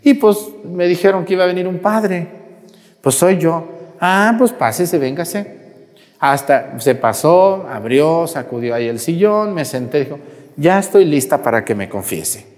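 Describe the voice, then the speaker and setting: A man's voice: fairly high pitch, expressive, measured pace, a little mellow. A man, a parish priest giving a chatty, teasing sermon, acting out his parishioners' voices. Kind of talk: sermon with storytelling. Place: church. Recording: long church reverb.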